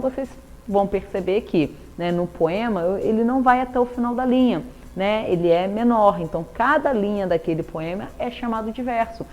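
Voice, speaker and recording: A woman's voice: a little high, darkish tone, a little hiss or hum. A woman with a Brazilian Portuguese accent teaching a literature lesson, explaining step by step with rhetorical questions and a frequent tag "né?". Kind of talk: recorded classroom lesson.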